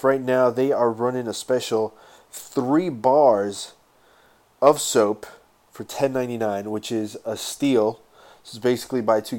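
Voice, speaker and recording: A man's voice: lowish voice, warm tone. A man hosting a podcast solo in casual talk, sounding congested with a stuffed-up nose and breathing through his mouth. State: stuffed-up nose, getting over a sinus infection. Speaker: podcast host.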